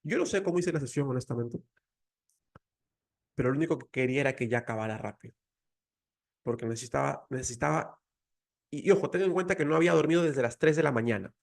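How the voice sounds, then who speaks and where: A man's voice: mid-range voice, animated, fast talker, gravelly, long pauses. A man with a Mexican Spanish accent giving an emotional, earnest faith talk, telling a personal story. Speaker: faith speaker.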